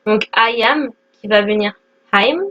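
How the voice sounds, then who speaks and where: A woman's voice: on the high side, normal speed, a bit bright, lo-fi sound. A woman in her twenties giving a casual spoken lesson, explaining step by step with many fillers and check-ins. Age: 20s. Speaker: English teacher.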